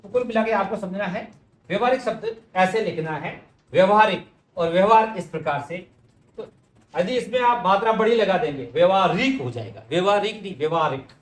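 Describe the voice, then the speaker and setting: Patient Hindi teacher, man, high voice. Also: lively intonation, moderate pace, reverberant. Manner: patient, explanatory, addresses viewers directly. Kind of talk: explaining correct spelling to students.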